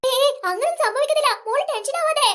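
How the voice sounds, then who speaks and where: A gentle schoolteacher with a high, bright voice, played by a woman. She speaks softly and patiently, trying to calm a child in a comedy skit. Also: fast talker. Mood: soothing. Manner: soothing, patient. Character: gentle adult woman teacher.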